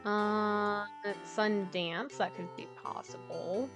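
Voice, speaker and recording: Casual female game streamer, unhurried, informal think-aloud commentary over background music. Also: medium pitch, steady tone. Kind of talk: casual live gaming commentary.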